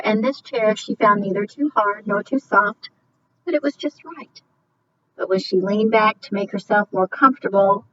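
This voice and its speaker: A woman teacher reads a fairy tale aloud for a lesson, leaning on words with drawn-out storytelling emphasis. She sounds a little distant from the mic, and the sound is muffled. A faint hiss sits underneath. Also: mid-range voice.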